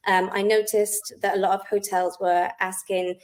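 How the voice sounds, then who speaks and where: Here a wellness business founder from South Wales, with a Welsh accent, talks as an interview guest in a relaxed, friendly manner, often saying um. Her mid-range voice moves at a moderate pace with a flat delivery.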